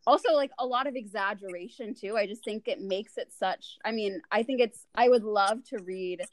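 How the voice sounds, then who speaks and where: A woman's voice: medium pitch, normal speed, no room sound. Candid young woman host, rambling. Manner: candid, rambling, fillers and swearing. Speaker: podcast host. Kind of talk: casual chat.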